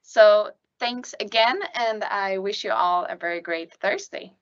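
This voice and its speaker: A woman's voice: mid-range voice, measured pace, clean tone. A woman moderating a panel discussion webinar, speaking in a spontaneous, somewhat hesitant way from a studio. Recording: slightly dull, lo-fi webinar audio.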